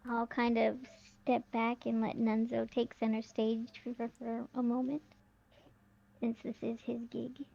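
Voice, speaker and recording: A woman's voice: fairly high pitch, monotone, unhurried, gravelly. A woman player speaking in character in a tabletop game, encouraging and upbeat, on a muffled mic. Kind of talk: in-character tabletop role-play.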